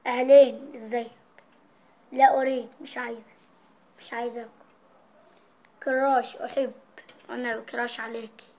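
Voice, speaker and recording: Her voice sits on the high side with little pitch movement, warm in tone, brisk, and broken by frequent pauses. The Egyptian-accented woman is having a playful vlog chat, reading out dialect words along with their meanings.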